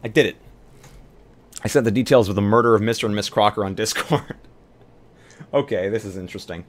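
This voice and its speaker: A fairly quick, lowish male voice belongs to a live-stream roleplay player. He chats with viewers and a co-host in a relaxed, informal, joking manner.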